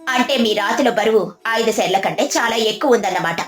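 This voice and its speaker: A woman voicing a clever young village wife who speaks with mock politeness and sharp scolding. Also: fairly high pitch, brisk, lightly acted. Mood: triumphant. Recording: echoey, faint music behind.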